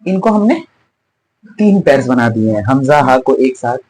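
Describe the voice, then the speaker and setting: A man's voice: medium pitch, very animated, normal speed, darkish tone, poor audio. A man teaching an online class, patiently explaining and drilling letter sounds, asking questions and answering them himself. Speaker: Tajweed teacher.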